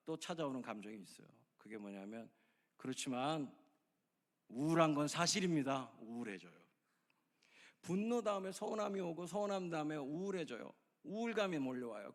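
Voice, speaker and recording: A man preaching a sermon as pastor, speaking conversationally to his congregation and acting out people's inner voices with sudden loud outbursts. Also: on the high side. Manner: acts out inner voices with dramatic shifts in loudness; conversational, direct address to congregation.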